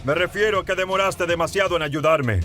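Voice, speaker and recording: A man's voice: sits high, fairly quick, a bit bright, soft background music. A man voicing a stern, imperious male angel warrior who speaks coldly and seriously. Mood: commanding. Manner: cold, commanding, serious.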